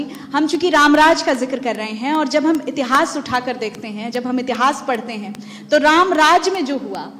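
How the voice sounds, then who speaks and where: A woman's voice: high voice, a bit bright, a little hiss or hum. A young woman anchoring a TV panel, asking polished formal questions into a handheld mic on a stage. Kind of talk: formal moderating. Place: large stage hall with audience. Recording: long hall reverb.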